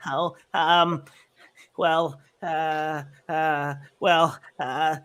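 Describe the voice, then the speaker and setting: A painfully shy man making a dating video, as a man puts him on, stammering slowly through every answer. He keeps trailing off into hesitant, halting fillers. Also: on the high side, level tone, fairly bright tone, smooth. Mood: awkward. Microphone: video call.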